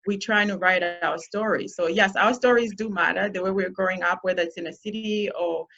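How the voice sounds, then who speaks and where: A woman's voice: medium pitch, fairly even intonation, a little fast, creaky, a bit bright, lo-fi sound. A woman guest speaker from Zambia giving an earnest, encouraging talk to a youth group. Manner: earnest, encouraging, with frequent restarts.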